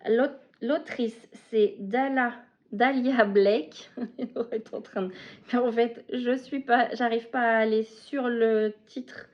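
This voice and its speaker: A woman's voice: on the high side, fairly even intonation, slow, highs cut off. A woman hosting a casual knitting and reading podcast, talking in a hesitant way and often searching for her words. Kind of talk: casual podcast chat about knitting and books.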